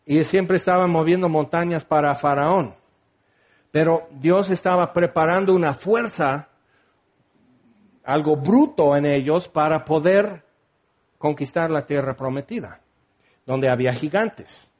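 A man preaching a sermon in an animated, conversational way with jokey asides. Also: on the high side, measured pace, long pauses.

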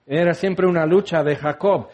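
A male preacher with a notably high, slightly mellow voice delivers an impassioned sermon at normal speed. He keeps putting direct questions to his listeners and slips into the voices of biblical figures when retelling their words.

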